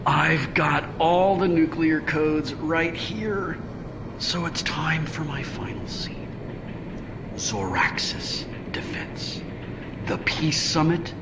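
An actor playing a vain, smug villain in a video game, monologuing with slow theatrical menace. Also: male voice, a little high, lively intonation, very noisy.

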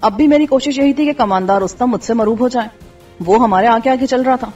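Woman reading a story out, breathy and highish, muffled far-off sound, soft music behind. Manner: steady storytelling. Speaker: narrator. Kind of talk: scripted audiobook narration. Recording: dull distant recording with faint music.

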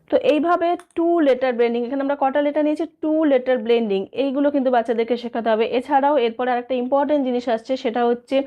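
A woman's voice: fairly high pitch, mellow. Chatty woman teaching letter sounds. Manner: chatty, asks and answers her own questions; sounds out letter sounds in a sing-song. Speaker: teacher giving tips. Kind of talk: casual explainer video.

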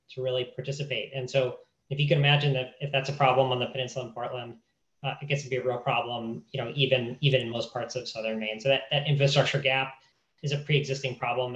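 A man's voice: medium pitch, fairly bright tone. Matter-of-fact man in an echoey room. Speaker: panelist. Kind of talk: panel discussion on a video call. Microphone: laptop webcam mic. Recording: roomy, dull video call audio.

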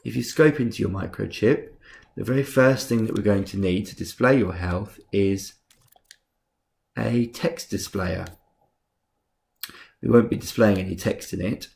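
Congested from a cold, a young man hosts a screen-recorded game tutorial in a husky, rough, clearly stuffed-up voice. His register sits lowish, and phrases trail off into gravelly fry. He takes his time, relaxed and unhurried, and fills pauses with lots of ums.

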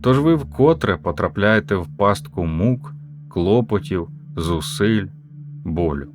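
A man with a fairly low voice reads a philosophical talk aloud as an audiobook. His delivery is measured and emphatic, built on rhetorical questions. Soft music plays quietly behind him. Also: lively intonation. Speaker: audiobook narrator.

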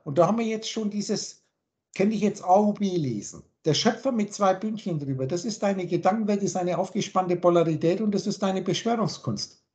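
A man's voice: sits high, expressive, brisk, darkish tone. Insistent man lecturing on a video call. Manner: insistent, repeats points and asks rhetorical questions. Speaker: spiritual teacher. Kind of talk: philosophical monologue on a call.

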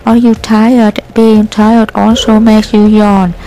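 A woman reading the part of a patient adult schoolteacher, explaining calmly in a slow, steady read with hesitant fillers. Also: medium pitch, a little hiss or hum, rough recording.

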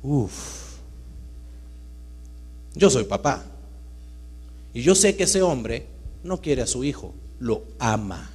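A man giving a live talk to an audience, swinging between loud emphatic bursts and hushed storytelling. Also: medium pitch, big pitch swings, slow, pauses often, husky. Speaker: motivational speaker. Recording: reverberant hall with mains hum.

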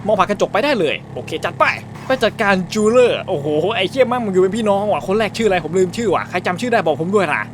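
A man with a high voice narrating his game play in a loose, joking way. He swears constantly and reads the characters' lines himself as he plays. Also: expressive, rapid-fire, hardly any pauses, a little hiss or hum. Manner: crude, joking, heavy swearing; dubs game dialogue in his own voice. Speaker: gaming YouTuber. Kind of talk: let's-play commentary.

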